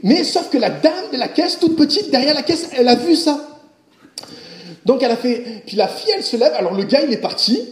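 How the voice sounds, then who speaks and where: A man telling a comic story in an animated way, acting out the scenes and adding sound effects. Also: very high voice, brisk. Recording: roomy echo.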